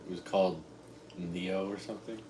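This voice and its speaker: A man co-hosting a cooking livestream, chatting casually and telling animated, laughing stories while eating. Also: deep voice, moderate pace. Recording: echoey room with faint noise.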